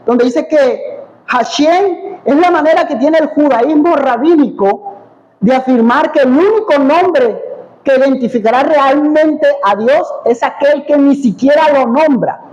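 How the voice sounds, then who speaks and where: A man's voice: very high-pitched, darkish tone, in a large hall, dull audio. A male pastor giving a teaching sermon, asking the congregation questions and answering them himself.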